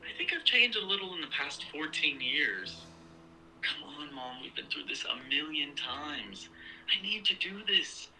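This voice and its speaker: A man's voice: a little high, expressive, measured pace, pushed and bright, a little hiss or hum, exaggerated voice, poor audio. An actor playing an earnest, exasperated son in his twenties, emphatic with a sarcastic edge, in naturalistic drama dialogue. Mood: earnest, insistent. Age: 20s.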